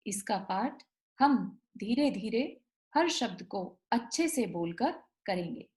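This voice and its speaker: A woman teaching an online class, slowly sounding out each word of a devotional hymn and chanting it line by line. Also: medium pitch, animated, darkish tone. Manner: slow, word-by-word instruction and chanting. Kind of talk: online class on pronouncing a stotra.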